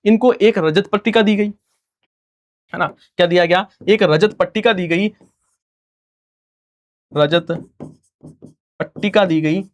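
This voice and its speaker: High-voiced man teaching a quiz class. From India. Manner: rhetorical questions and repeated answers, student-style replies; fast-talking. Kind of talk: recorded exam-prep lecture.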